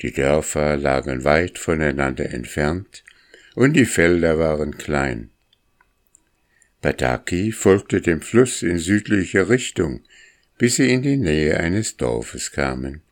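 A man calmly narrating a storybook as an audiobook. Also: extremely low pitch. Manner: calm, unhurried storytelling.

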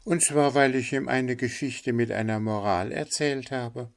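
A man voicing a calm male linnet bird in a storybook reading, mild and composed. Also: mid-range voice, a little slow, gravelly, voice pushed up.

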